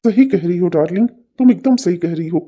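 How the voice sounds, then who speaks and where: A man voicing a sleazy, nervous male kidnapper in a cartoon who coaxes smoothly and then hurries. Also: high voice, lively intonation, highs cut off. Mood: hurried, rough. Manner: smarmy and coaxing, then hurried. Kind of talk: cartoon voice acting.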